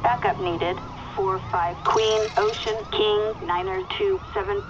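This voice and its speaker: Slow police radio dispatcher. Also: female voice, mid-range voice, steady tone. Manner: measured, halting call-outs with phonetic codes. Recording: muffled radio with loud siren noise.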